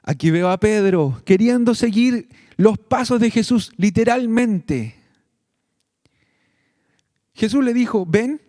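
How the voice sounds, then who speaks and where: Slow, high-voiced preaching pastor. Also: male voice, expressive, warm tone, dry recording, clean studio sound. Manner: slow, earnest preaching addressing the congregation directly. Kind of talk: sermon.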